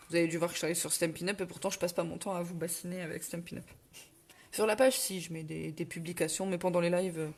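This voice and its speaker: A middle-aged woman with a Ch'ti accent talks through a crafting tutorial on a live stream, full of fillers and restarts. Her voice sits a little low. Faint noise and small clicks run behind her home recording. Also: a little mellow. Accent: Ch'ti (northern French). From northern France. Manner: chatty, self-correcting, many fillers, reads viewer comments aloud.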